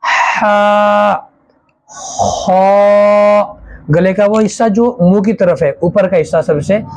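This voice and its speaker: A man teaching a Quran reading lesson as an Arabic teacher, drawing out each letter slowly and explaining how to say it. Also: sits high, dark tone, low-quality recording. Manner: slow, drawn-out recitation of letters with explanations.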